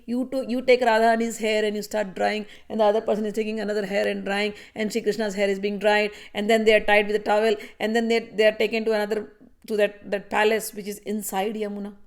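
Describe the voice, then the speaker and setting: Gravelly-voiced woman telling devotional stories. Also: medium pitch, a little mellow. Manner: vivid storytelling, acts out characters' voices; speaks directly to listeners, conversational asides. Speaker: spiritual teacher leading a satsang. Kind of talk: devotional storytelling talk.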